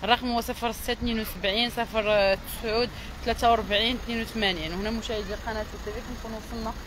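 A woman with a Moroccan accent reporting live from the street and pressing her interviewee with brisk, insistent questions. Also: a little high, steady tone. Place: outdoors on a city street. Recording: street noise.

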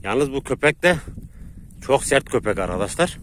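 A man casually talking to viewers while herding sheep with his dogs outdoors, laughing often and calmly calming the dogs. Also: medium pitch, moderate pace. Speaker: shepherd vlogger. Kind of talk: casual outdoor vlog narration. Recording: outdoor noise, wind and animals.

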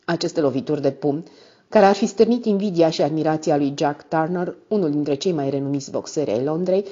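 A woman narrating an audiobook with expressive storytelling. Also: sits low. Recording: dull lo-fi sound.

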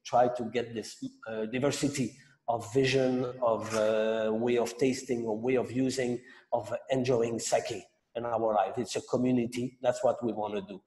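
A man with a Quebec French accent hosts an online masterclass, pausing often and restarting his phrases. His voice is mellow and dark. The sound is roomy, with a long reverb trailing behind him. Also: medium pitch, level tone. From Montreal, Quebec. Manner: halting, many fillers and restarts. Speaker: sake masterclass host.

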